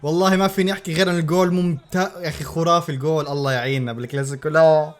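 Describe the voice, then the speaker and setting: Male football reactor, pitched high, loud repeated exclamations. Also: rapid-fire. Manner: excitable, exclaiming and repeating himself. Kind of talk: live match reaction.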